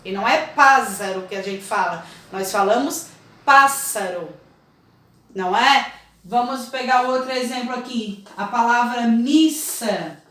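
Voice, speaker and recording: Slow, patient woman teacher. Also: a little high, a bit bright. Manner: slow, patient, checks in often with "tá certo?". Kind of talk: children's spelling lesson. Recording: echoey room, voice a bit far from the mic.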